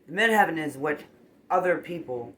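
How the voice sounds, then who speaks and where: Animated, rambling tarot reader with a bright voice. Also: moderate pace, slight background noise. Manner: animated, rambling, punctuated with "boom" and "okay?"; emotional, gets worked up. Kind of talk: casual tarot reading monologue.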